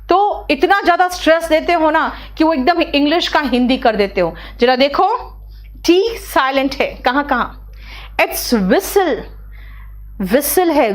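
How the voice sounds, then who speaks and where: A woman teaching English spelling and pronunciation in Hindi, repeating example words and scolding her students about how they pronounce them. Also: sits high.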